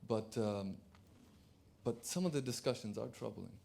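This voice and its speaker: A man from Turkey speaks from the floor at a conference as an audience member, hesitant and full of fillers and restarts. His voice is medium-pitched, gravelly and warm, at a normal speed.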